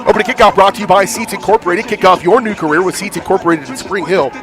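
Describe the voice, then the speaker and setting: A man doing live high school football commentary with a thick smoker's rasp, congested from hay fever. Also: fast, over music. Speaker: play-by-play announcer. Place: outdoor football stadium broadcast.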